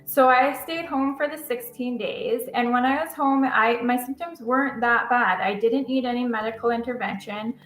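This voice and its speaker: Interviewee: woman, 30s, halting and hesitant, slightly high voice, roomy echo. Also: fairly bright tone. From Canada. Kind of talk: recalling illness in an interview.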